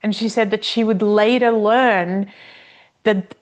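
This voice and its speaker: A woman as a podcast guest, telling stories in an unhurried way with many pauses and restarts. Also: medium pitch, fairly even intonation. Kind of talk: casual interview conversation.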